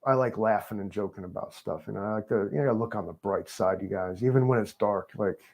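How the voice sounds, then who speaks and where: Rambling New man, mellow voice. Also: on the low side, brisk, a little hiss or hum. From New York. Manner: rambling, filler-heavy, joking and sarcastic. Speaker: guest. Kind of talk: casual interview chat.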